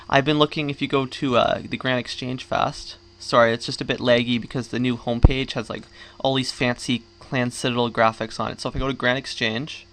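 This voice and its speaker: A man's voice: medium pitch, a bit bright. A man giving casual, rambling, grumbling game commentary while talking with a sore jaw and swollen cheeks. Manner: rambling, griping. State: sore jaw, swollen cheeks after wisdom tooth surgery. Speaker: gaming vlogger.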